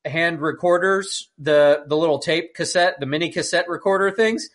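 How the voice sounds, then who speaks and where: Another stretch of film talk from a male podcast co-host, full of exclamations and disbelief. Here his pitch is fairly high and his speed is normal.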